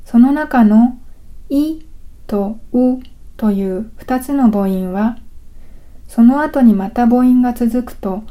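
A woman giving a scripted language lesson, patient and careful, pausing for drills. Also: on the high side, dark tone. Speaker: language teacher.

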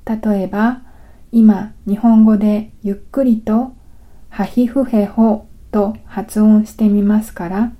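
A woman teaching a language lesson in a careful, scripted narration, slowly explaining sounds step by step. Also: mid-range voice, fairly even intonation, phone-quality sound. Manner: slow, careful, deliberate explanation.

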